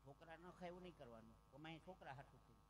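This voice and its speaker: A man's voice: on the high side, rapid-fire, a little hiss or hum. A man with a Gujarati accent telling jokes and stories as a folk comedian on a live village stage, acting out the voices of his characters. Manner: animated joke-telling, acting out other voices. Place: outdoor village stage with a PA system.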